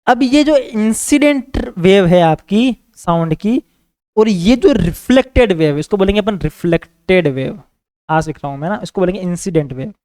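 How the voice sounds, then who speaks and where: A man with a Hindi accent giving a classroom science lecture, asking his students questions and repeating key words, slowing down to read definitions. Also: high-pitched, darkish tone, clear, resonant tone, dry recording. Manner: repetitive, asks students questions; reads English definitions slowly. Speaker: teacher.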